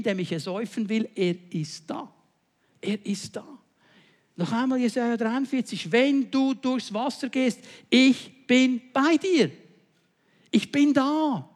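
A man with a high, light voice delivers a sermon. He swings from loud, emphatic declarations to hushed, low-pitched passages. He keeps turning to his listeners with short checking questions. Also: big-room sound. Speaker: preacher.

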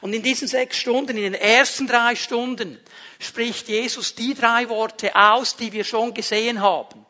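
Male preacher, very high voice, emphatic and rising in force through repetition. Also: fairly even intonation, a little slow. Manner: emphatic, building to loud repeated phrases. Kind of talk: sermon.

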